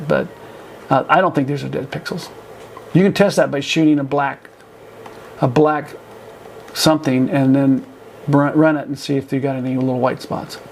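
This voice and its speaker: A man's voice: fairly high pitch, a little hiss or hum. A man giving a casual screen-recorded photo editing tutorial, talking in a rambling, self-correcting way. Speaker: photography instructor.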